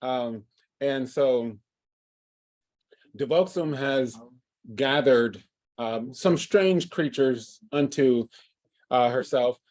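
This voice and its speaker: Man, game master, unhurried, hesitant with lots of fillers, dry close sound. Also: mid-range voice, darkish tone, no room sound. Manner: halting, full of fillers and restarts. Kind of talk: running a livestreamed tabletop game.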